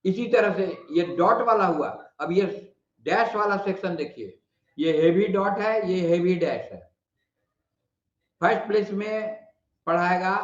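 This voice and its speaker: A man with a Bihari Hindi accent teaching a shorthand lesson, patiently repeating vowel sounds and explaining slowly. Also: sits high. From India. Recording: muffled, echoey room.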